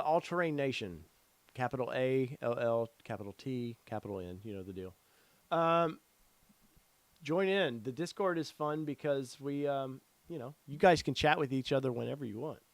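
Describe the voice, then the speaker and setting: On a dry recording, a middle-aged man with a mid-range voice speaks at a moderate pace while hosting a laid-back live stream. This podcast host reads the chat out loud, rambling and leaning on fillers. His voice is wearing out and fading.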